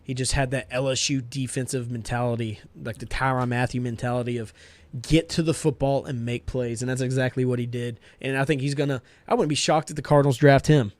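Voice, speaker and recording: A man's voice: mid-range voice, steady tone, a little fast, few pauses, a little mellow, dry recording. A man co-hosting a casual sports podcast, making confident, upbeat picks and talking through players. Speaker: podcast co-host.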